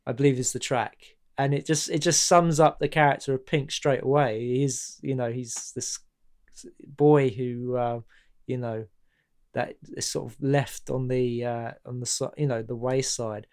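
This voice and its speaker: A man's voice: mid-range voice, steady tone, a little slow, darkish tone, smooth. A man in casual chat about a film, hesitant and full of restarts, laughing often. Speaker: podcast guest discussing a film.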